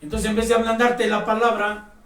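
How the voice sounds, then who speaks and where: High-voiced preacher in an echoey room. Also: male voice, completely flat delivery, fairly quick. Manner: emphatic, exhorting, addresses listeners directly. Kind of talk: sermon. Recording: echoey room, mic at a distance.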